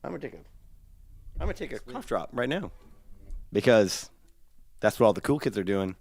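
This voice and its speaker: Hoarse, raspy man hosting a live stream. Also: medium pitch, big pitch swings, moderate pace, darkish tone. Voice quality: hoarse smoker's rasp. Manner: chatty, rambling, playful. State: congested from a sinus infection, coughing. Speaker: live stream show host and piano player.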